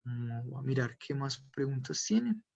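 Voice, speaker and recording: A man's voice: mid-range voice, expressive, moderate pace, gravelly, a little mellow. A man teaching German in a live online class, explaining patiently and answering viewers' questions. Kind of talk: live online language lesson.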